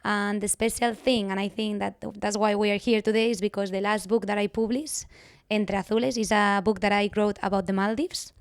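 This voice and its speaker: A woman from Spain with a strong Spanish accent, telling her story as a guest on a podcast in an earnest, measured way. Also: mid-range voice, fairly even intonation, clear, resonant tone, dry recording, studio quality. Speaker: guest, writer.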